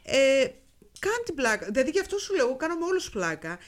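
A woman with a fairly high voice co-hosts a casual podcast. Her pitch moves a lot as she tells stories, acting out each quoted line, and she swears freely. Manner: animated storyteller who acts out quotes and swears. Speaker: podcast co-host. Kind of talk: casual chat.

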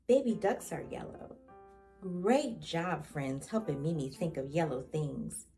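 A woman hosting a preschool lesson for young children in an encouraging, sing-song kindergarten teacher voice, asking simple questions and pausing for answers. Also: sits low, very animated, dark tone, faint music behind. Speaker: children's show host.

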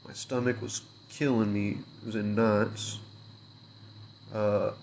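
A young man talks in a fairly low voice, rambling and frustrated, sprinkling his rant with curses and fillers. He sounds worn out and queasy, like the morning after. A faint background hum sits under the recording. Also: a little mellow. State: hungover and unwell. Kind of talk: casual rant to camera.

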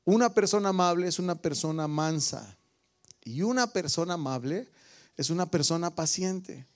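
A man's voice: a little high, expressive, normal speed. A middle-aged man with a Mexican accent preaching a sermon to his church, firing questions at the congregation and teasing listeners by name. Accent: Mexican Spanish. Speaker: pastor.

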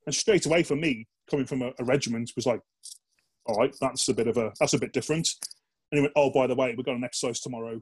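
A man's voice: mid-range voice, quick pace, a little mellow, slightly rough. A man, a former soldier, telling anecdotes in a casual interview, chatty and blokey, with frequent "like" and swearing, and acting out the voices in his stories. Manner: chatty and blokey, peppered with "like" and swearing, acts out quoted dialogue.

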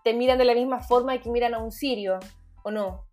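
Higher-voiced woman interviewer. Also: steady tone, brisk, darkish tone, soft background music. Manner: asks questions with hesitant fillers. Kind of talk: interview questions.

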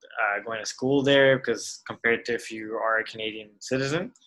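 A man in his late twenties, raised in Tanzania, speaking as a podcast guest in a relaxed way with frequent "uh" pauses. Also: lowish voice, poor audio. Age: late 20s. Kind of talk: casual interview.

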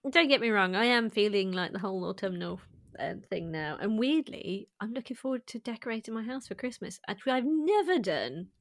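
A woman's voice: mid-range voice, lively intonation, a little fast, dry recording, studio quality. A woman chatting informally as a film podcast co-host, feeling her way through her opinions. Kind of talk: casual film chat.

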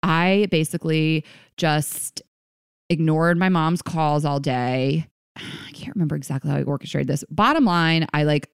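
A woman's voice: low-pitched, a little slow, vocal fry, smooth, no room sound, clean studio sound. A woman in her thirties from the United States, a podcast host chatting casually and acting out the people in her stories. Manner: animated storyteller, acts out quoted voices. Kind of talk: casual chat.

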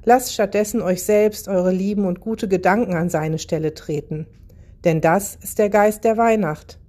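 A woman voicing a kindly, gentle Father Christmas in a storybook, speaking calmly and soothingly in her own mellow voice. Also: medium pitch, moderate pace, lightly acted.

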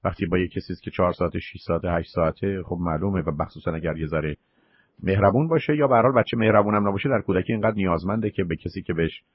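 A man with a very low, husky voice lectures emphatically as a call-in advice host. The sound is dry and close, with a dull, lo-fi radio quality. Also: dry recording. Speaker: radio psychology show host.

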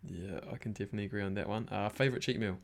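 A young man with a broad New Zealand accent hosts a casual interview, his fairly low, gravelly voice holding a steady tone while racing along. He's matey and slangy, tossing "bro" in all over the place.

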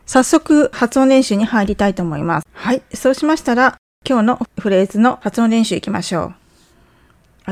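Explaining phrases and running repeat-after-me exercises, a fairly high-voiced English teacher sounds friendly and encouraging whenever she speaks the English lines. The close, dry recording carries no echo or room sound.

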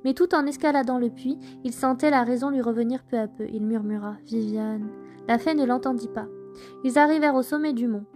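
A woman narrating traditional folk tales in a measured, gentle storytelling manner. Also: high-pitched, faint music behind. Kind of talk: scripted folk tale narration.

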